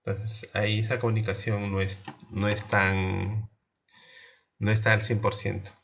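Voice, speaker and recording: A man teaching a class, explaining slowly, asking the students questions and restarting his sentences often. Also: lowish voice, little pitch movement, vocal fry, a bit bright, dull audio, slight background noise. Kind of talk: online class lecture.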